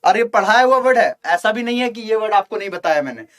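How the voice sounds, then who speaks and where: A man teaching English vocabulary in a live online exam-prep lesson, coaxing viewers to comment and chanting memory tricks in a slow singsong. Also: high-pitched, lively intonation, a bit bright. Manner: addresses viewers as children, asks for comments.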